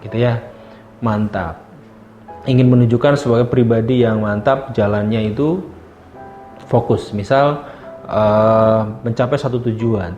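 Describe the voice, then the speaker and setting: A man's voice: mid-range voice, darkish tone. A man giving a casual lecture, talking to listeners as friends and filling his speech with tag phrases. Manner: addresses listeners as friends, many tag fillers. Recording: roomy, slightly dull sound with faint music.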